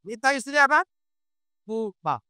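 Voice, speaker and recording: A man delivers a lively sermon, constantly testing his listeners with quick questions. His voice is bright and crisp. The sound is dry and close. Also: extremely high pitch, no echo. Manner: quizzes the audience with quick rhetorical questions; lively, conversational preaching. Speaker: Islamic preacher. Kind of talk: sermon to a congregation.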